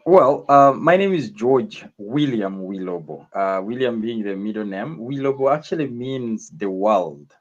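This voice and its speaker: A man from northern Uganda, speaking as a guest on a talk radio show in a measured way, with frequent fillers. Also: medium pitch, expressive. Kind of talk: conversational interview. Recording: dull lo-fi sound.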